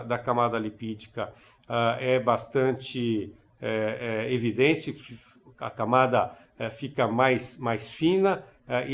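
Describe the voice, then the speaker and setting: A man giving a recorded conference lecture on eye care, halting, with many fillers and restarts. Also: medium pitch. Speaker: ophthalmology lecturer.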